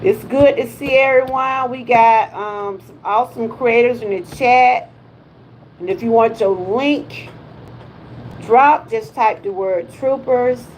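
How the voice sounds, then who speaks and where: A Georgia woman in her fifties, a wellness vlogger with a Southern US accent, chats casually on her livestream, tossing in folksy exclamations. Her voice is fairly high and slow. The audio is poor, with a little hiss or hum.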